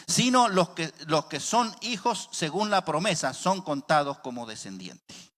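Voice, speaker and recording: A man delivers a sermon in a high, bright, ringing voice. He drives each point home with emphasis and keeps asking his listeners questions. His voice rings out with a long reverb, as in a large hall. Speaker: preacher.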